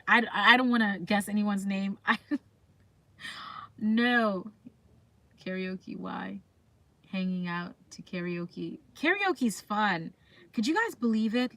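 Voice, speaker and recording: A woman hosts a casual livestream, speaking directly to her viewers, reading their comments aloud and frequently asking them questions. Her voice sits at a medium pitch with a fairly bright tone, and there's no echo.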